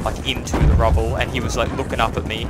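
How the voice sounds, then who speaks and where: A man in casual, sweary gaming banter with friends, talking excitably. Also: medium pitch, fast talker. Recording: game gunfire and music behind voice. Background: video game gunfire, explosions, music.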